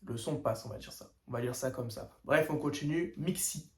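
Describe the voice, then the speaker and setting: A young man with a mid-range voice, speaking fairly quickly, hosts a casual first-listen music reaction in an echoey room. His talk is loose and slangy, full of hesitations and fillers like "tu vois" and "euh."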